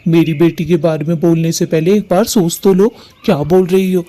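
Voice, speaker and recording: A man's voice: fairly high pitch, flat delivery, normal speed, mellow, close to an everyday voice. A man voicing a stern, protective father bird in a cartoon who gives firm commands. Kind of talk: Hindi cartoon voice acting.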